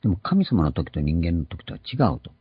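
A man's voice: low-pitched, huge pitch swings, brisk, husky. An older man preaching an earnest sermon, explaining and stressing key words. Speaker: pastor. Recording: dull lo-fi recording.

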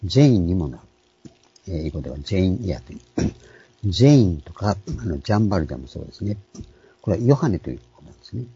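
A man, a pastor, giving a calm, explanatory sermon with frequent pauses and fillers. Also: low-pitched, slightly rough, muffled recording. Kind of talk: sermon on scripture names.

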